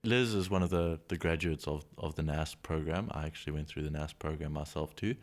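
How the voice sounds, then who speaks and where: A man's voice: a bass voice, fairly quick. A man co-hosting a science podcast, explaining things at length in a casual way with many small restarts. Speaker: podcast co-host.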